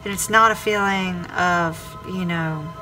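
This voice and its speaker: A sharp-toned woman with a lowish, steady voice goes slowly through a weekly tarot reading on a low-quality recording. Background music plays clearly under her as she speaks to viewers by star sign and repeats her phrasing.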